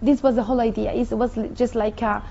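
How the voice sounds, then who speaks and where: A woman with a Mexican Spanish accent, earnestly telling her personal testimony in halting speech with many restarts. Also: on the high side, flat delivery, gravelly, warm tone, dull audio. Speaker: convert sharing her testimony.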